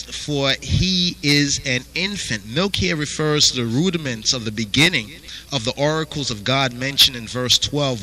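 Over a rough recording, a man's mid-range voice comes through with a sharp tone. Teaching a Bible study, he reads out verses and keeps asking "you understand?" after almost each phrase.

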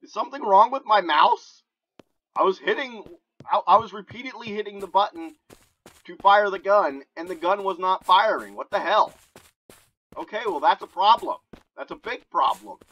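A man giving casual, excitable commentary while he plays a shooting game, talking to himself into a close mic. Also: sits high, normal speed, dull audio. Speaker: gamer. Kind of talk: gameplay commentary. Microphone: desk mic held close. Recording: noisy home recording.

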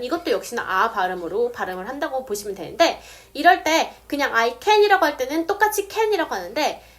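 A woman explaining English words step by step, saying example sentences slowly. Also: high voice, a bit bright. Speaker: English teacher. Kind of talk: casual video lesson.

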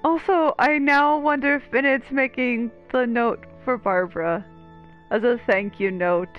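An unhurried woman with a voice on the high side streams a game, commenting casually and reading out the dialogue. Her mic is dull and muffled, sitting over the game music.

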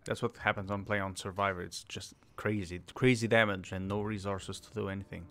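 A man's voice: on the low side, flat delivery, a little fast, a bit bright. A young man streaming a video game, muttering a play-by-play and swearing in bursts. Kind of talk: gaming commentary.

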